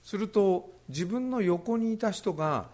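A man's voice: high voice, measured pace. A man preaching a sermon as pastor, stressing key phrases as his voice rises. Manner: animated, rising emphasis on key phrases.

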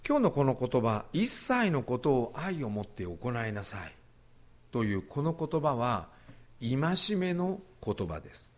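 A man's voice: mid-range voice, a little slow. A man preaching a sermon as pastor, stressing key phrases as his voice rises. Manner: animated, rising emphasis on key phrases.

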